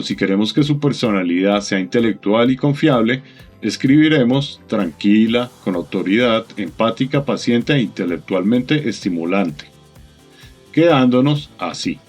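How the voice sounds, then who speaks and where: A man narrating a software tutorial in a calm, methodical, instructive voice-over. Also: mid-range voice.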